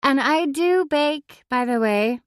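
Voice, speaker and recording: Awkward flustered mom, voice lifting higher, played by a woman narrator; dry booth sound. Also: animated, slow, dry recording. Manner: nervous, awkward. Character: flustered young mother, self-conscious. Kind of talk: audiobook character voice.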